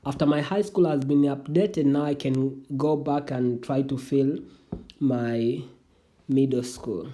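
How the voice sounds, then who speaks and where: This tutorial vlogger, a young adult whose first language is Swahili, explains an online form step by step in a casual screen walkthrough of the application. The deep-toned, mellow voice sits at a middle pitch with fairly even intonation, and the halting speech often restarts while addressing listeners as "family."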